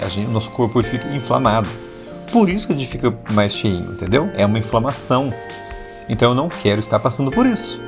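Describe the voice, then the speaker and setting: A man, hosting an intimate late-night podcast monologue and deliberately talking slower and lower, though he still slips into speaking fast. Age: 40s. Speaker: podcast host.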